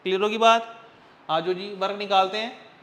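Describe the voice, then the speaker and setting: A man teaching a physics class, quizzing his students constantly in a coaxing, brisk way. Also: high-pitched, steady tone, a bit bright. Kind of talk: classroom lecture.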